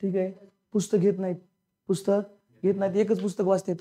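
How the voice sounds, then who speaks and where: A man's voice: high-pitched, level tone, brisk, warm tone. A male teacher stands before his class and runs a call-and-response grammar drill. He repeats each question to the room until the students answer it. His speech is colloquial and blunt, with the occasional scolding edge of a strict coaching-class instructor.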